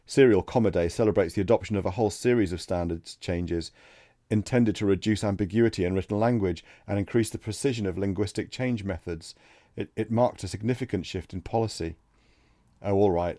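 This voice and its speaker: A man streaming a text adventure, reading the game text aloud and thinking out loud between passages. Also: lowish voice, a little fast, dry recording. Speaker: let's play streamer.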